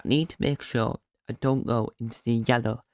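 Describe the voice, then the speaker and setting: Chatty man hosting a podcast, smooth voice. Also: mid-range voice, fairly quick. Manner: chatty and rambling, with bursts of excited cheering. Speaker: podcast host. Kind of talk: casual solo podcast recap.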